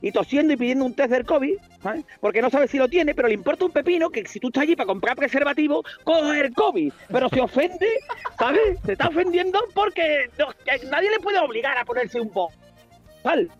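A man performing a rapid comic monologue on radio, ranting and peppering his lines with tag questions, heard over a remote line. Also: very high-pitched, expressive, muffled recording, soft background music. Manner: rapid joking rant, constant tag questions. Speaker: comedian guest. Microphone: remote line into the studio.

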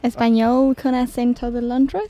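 A man voicing a polite English shop assistant woman who speaks slowly and primly with an English accent. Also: level tone, over a noisy crowd. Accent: English-accented Spanish. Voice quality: slow, prim, falsetto.

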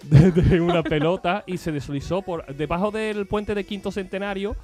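A man on a radio chat show telling a story in a lively, animated way and acting out his own cries. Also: high voice, moderate pace, faint music behind. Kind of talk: casual storytelling.

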